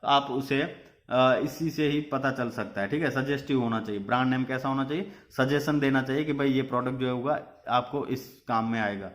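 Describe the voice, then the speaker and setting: Young male teacher giving a classroom business lecture, steady explaining manner. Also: mid-range voice, normal speed. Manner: mixes Hindi and English, repeats points with "ठीक है".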